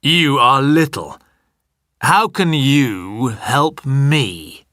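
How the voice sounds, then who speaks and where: A man voicing a proud lion in a slow storybook reading, close to his own voice. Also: medium pitch, expressive, pushed and bright, dry recording, exaggerated voice. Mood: amused. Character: big proud laughing lion.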